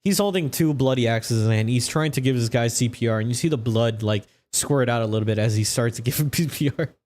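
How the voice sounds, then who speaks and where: A man runs a tabletop role-playing game with a mid-pitched voice. He narrates off the cuff, halting and conversational as he sets scenes. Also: darkish tone. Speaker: game master.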